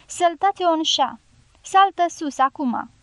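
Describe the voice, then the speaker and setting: A woman voicing a wounded American dynamiter who speaks in a measured, firm, commanding way, in an audiobook. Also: very high-pitched, lively intonation, dry recording, pitched above the performer's own voice. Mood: urgent.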